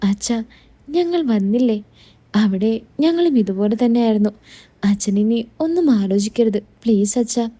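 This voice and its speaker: A caring young daughter-in-law, affectionate and soothing, as a woman voices her in a told story. Her voice sits fairly high and mellow, coaxing and reassuring. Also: animated, unhurried.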